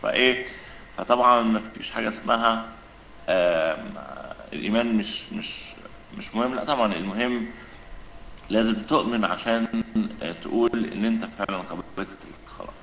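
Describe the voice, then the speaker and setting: A man's voice: lowish voice, brisk, fairly bright tone, echoey room, slight background noise. A man with an Egyptian accent, arguing his point insistently in a religious debate and explaining it with everyday examples. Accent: Egyptian Arabic.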